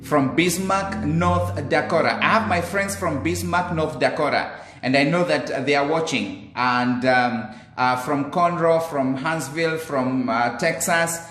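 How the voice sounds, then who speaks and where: A man's voice: fairly high pitch, unhurried, few pauses, fairly bright tone, reverberant. A male interview host who enthusiastically repeats his guest's answers back to him.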